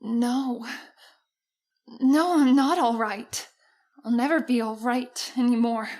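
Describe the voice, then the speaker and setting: A woman's voice: on the high side, steady tone, takes it slowly, a little mellow. An actress playing a fragile, distraught, girlish younger sister in an old-time radio melodrama, plaintive and wounded. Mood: despairing.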